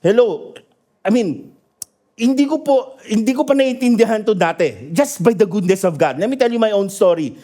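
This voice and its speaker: A man preaching a sermon in a lively storytelling manner, often asking his congregation for an amen and laughing at his own stories. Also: high voice, moderate pace. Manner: asks the congregation for agreement. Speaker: pastor. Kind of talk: sermon mixing Tagalog and English. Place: church.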